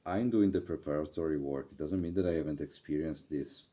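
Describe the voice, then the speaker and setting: Very deep man, dark tone, earnest, explains step by step, casual chat. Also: brisk. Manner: earnest, walks through ideas step by step. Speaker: partner explaining Kabbalah.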